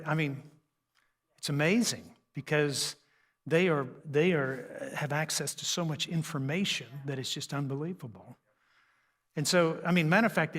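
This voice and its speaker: An older man in his 60s or beyond, a radio host who speaks about raising teens, gives a humorous seminar talk to a church audience in a large church hall. His voice is a little high and fairly bright, and his manner is folksy, conversational, joking and self-deprecating. The live hall adds a long reverb.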